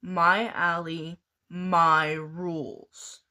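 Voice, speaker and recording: A woman's voice: lowish voice, flat delivery, very slow, sharp tone, full character voice. A woman reading a novel aloud, voicing a fierce twelve-year-old girl with a bossy, nasal voice and a blunt manner.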